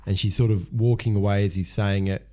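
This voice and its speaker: A man's voice: on the low side, steady tone, fairly quick, dark tone. A man, co-hosting a podcast and chatting casually as he recaps a TV episode. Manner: laid-back, chatty storytelling with fillers. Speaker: podcast co-host. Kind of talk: casual chat recapping a TV show.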